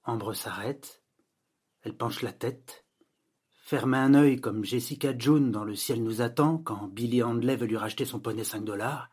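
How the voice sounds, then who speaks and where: A man reads a novel aloud in a steady, measured storytelling voice. His tone is slightly husky, set in a middle register that is neither high nor low. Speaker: narrator. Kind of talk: audiobook narration.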